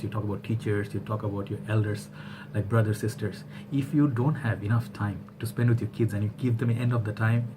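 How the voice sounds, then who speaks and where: With a voice on the low side and background noise behind him, a man in his thirties from Bangladesh vlogs from a small room at home. Facing his webcam, he offers opinions casually and animatedly, hands gesturing, rambling with frequent fillers and restarts.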